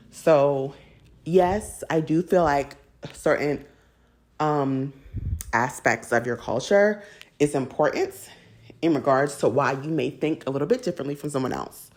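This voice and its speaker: A woman with a low, darkish voice hosts a TV recap show, chatting casually with viewers. She's American and grew up in a Jamaican household, and her commentary is candid and opinionated, with easy laughter throughout.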